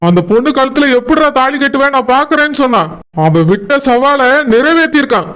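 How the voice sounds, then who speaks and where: A man voicing a young village groom in a cartoon, with a Kanyakumari Tamil accent and a strained, high cartoon delivery. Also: lively intonation, fairly quick, fairly bright tone, smooth. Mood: angry. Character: young village groom, bewildered then angry. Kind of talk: cartoon voice acting.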